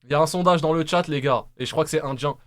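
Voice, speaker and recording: A man's voice: fairly high pitch, very fast, no room sound. A young man hosting a live stream, teasing his guest and laughing often. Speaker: host.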